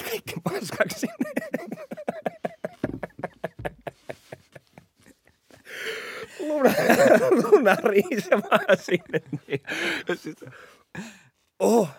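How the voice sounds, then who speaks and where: A man's voice: mid-range voice, dry recording. A young man telling a story on a podcast, laughing and acting out what people said. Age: young adult. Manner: animated, laughing, acts out quotes. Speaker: podcast host. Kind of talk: casual storytelling chat.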